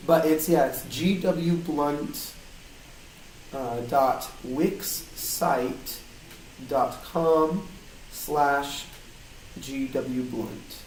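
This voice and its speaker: His voice on the high side, a game audio designer talks through his work for an interviewer in a relaxed but halting, hesitant way with loose wording. The small co-working office has hard walls that create a roomy, metallic flutter echo. A distant mic captures it along with faint noise.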